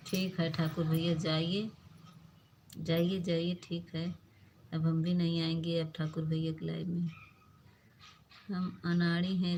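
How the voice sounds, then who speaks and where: A woman's voice: fairly low pitch, a little hiss or hum. Woman hosting a phone live stream. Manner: greets viewers by name, scolds playfully. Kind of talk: casual live-stream chat reading comments.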